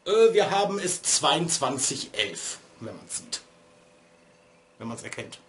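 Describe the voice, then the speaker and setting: A man in his thirties, a vlogger and streamer, speaks slowly in a sing-song, medium-pitched, slightly bright voice, with a little hiss or hum audible. Slightly congested from a cold, he rambles casually from a small home room lit by LED strips, chatty, digressive and making fun of himself.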